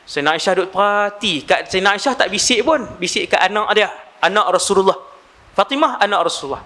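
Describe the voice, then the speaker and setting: Male preacher, high ringing voice, animated storyteller working the crowd with questions. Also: fast talker. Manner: animated storyteller, asks audience rhetorical questions. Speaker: Islamic preacher. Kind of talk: live religious lecture.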